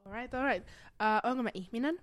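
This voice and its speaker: A woman co-hosting a casual podcast game, playful and giggly, sometimes dropping to a near whisper. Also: a little high. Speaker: podcast co-host.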